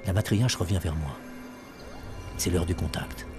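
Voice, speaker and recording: A man's voice: low-pitched, a little slow. A man narrating a documentary in the first person, in a lyrical, reflective manner, as scripted voice-over. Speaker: diver and filmmaker narrating his own encounters. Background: music.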